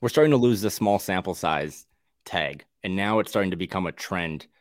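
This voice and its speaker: A man with a lowish voice co-hosts a casual sports podcast. He talks fast and wry and restarts his sentences as he goes. The sound is dry and close to the mic. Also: expressive, no room sound.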